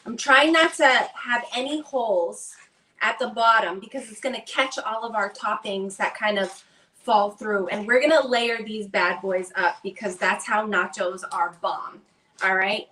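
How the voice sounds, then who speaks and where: Woman, Boston accent, chatty cooking-demo host, bright voice; echoey kitchen, distant mic. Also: medium pitch, a little slow. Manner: upbeat, chatty, talks to viewers while working. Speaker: cooking demonstrator. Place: home kitchen.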